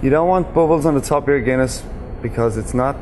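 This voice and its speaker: Male bartender, Dublin accent, informal tutorial delivery, average pitch, noisy ambient recording. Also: fast talker, a little mellow. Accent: Dublin Irish. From Ireland. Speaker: bartender demonstrating a pour. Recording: clear ambient hum and background noise.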